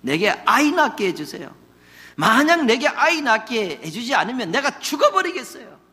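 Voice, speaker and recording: A preacher voicing a frantic young woman begging for a child, climbing into high, strained cries. The words rise and fall widely and ring out in a big reverberant hall. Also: very animated, normal speed, pushed and bright, exaggerated voice. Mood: desperate. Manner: pleading, rising to shrill outbursts.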